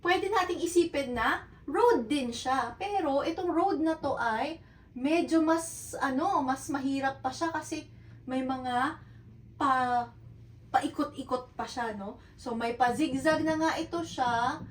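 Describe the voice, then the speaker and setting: A woman's voice: high voice, slow pace, roomy sound, recorded from a distance, poor audio. A woman teaching a beginner lesson in Tagalog mixed with English, patient and repetitive, often checking in with her learners. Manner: patient, repeats and checks with "okay?". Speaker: Japanese teacher.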